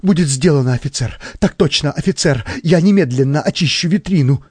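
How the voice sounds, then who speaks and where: A man's voice: fairly high pitch, brisk, darkish tone, slightly rough, dry recording, clean studio sound. A man voicing a frightened, stammering middle-aged male shopkeeper who pleads with a policeman. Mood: servile.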